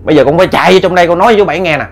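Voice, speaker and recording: A man's voice: high voice, very fast, voice pushed up. A man doing a worked-up southern Vietnamese young villager. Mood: upset. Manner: excited, stammering complaint. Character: agitated younger village man, indignant and upset. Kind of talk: storytelling voice acting.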